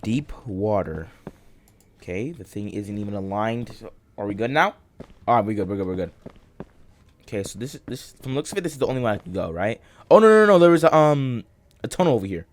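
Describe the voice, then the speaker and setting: A man's voice: fairly low pitch, lively intonation. Groggy young man rambling over gameplay. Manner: rambling, halting, many fillers and restarts. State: groggy morning voice. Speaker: gaming channel host. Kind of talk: casual let's-play commentary.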